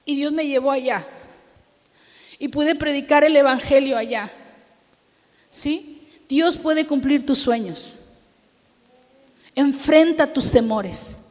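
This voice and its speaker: A woman's voice: high-pitched, slow pace, long pauses, long reverb tail. A middle-aged woman pastor with a Mexican accent, preaching a sermon and acting out the dialogue of her own story. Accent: Mexican Spanish. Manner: storytelling, acts out dialogue, asks audience for amen.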